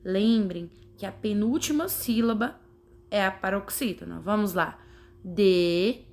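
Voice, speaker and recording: Woman teacher, talks real slow, spells out syllables one by one, mid-pitched. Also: lively intonation. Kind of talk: slow classroom explanation.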